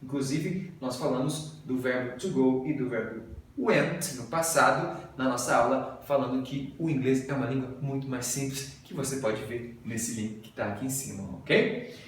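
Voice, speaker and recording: A man's voice: mid-range voice, moderate pace, slight background noise. Brazilian man teaching, echoey and distant. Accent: Brazilian Portuguese. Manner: explains patiently and drills pronunciation. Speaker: English teacher. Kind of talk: video lesson. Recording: very echoey room, voice off-mic.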